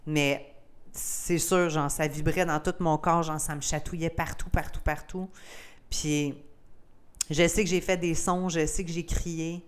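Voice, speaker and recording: A young Québécoise woman with a low, smooth voice tells a personal story on her podcast. She speaks candidly and with feeling, slipping English words into her Québécois French. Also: fairly even intonation, measured pace. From Gaspésie, Quebec, Canada. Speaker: podcast host.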